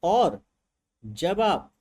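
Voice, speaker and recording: An animated male physics teacher giving a classroom lecture. He keeps asking his students rhetorical questions and acts out what they might say, all in a voice pitched a little higher than most men's. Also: drawn-out words.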